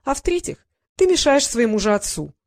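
Calm mocking schemer boy in a storybook, insinuating, as a woman puts him on. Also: fairly high pitch, dry recording, clean studio sound, pitched above the performer's own voice. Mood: sly. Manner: smooth, insinuating, unhurried.

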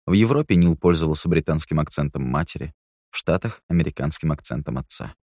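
A man narrating an audiobook in a steady, measured reading voice. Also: extremely low pitch, no room sound, studio quality.

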